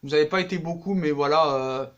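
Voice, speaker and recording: A man's voice: fairly high pitch, a little fast, lo-fi sound. A man talking casually about football transfers in a vlog, acting out the people he talks about, with slangy jokes. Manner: animated, acts out the people he talks about, jokey street slang. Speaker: football vlogger.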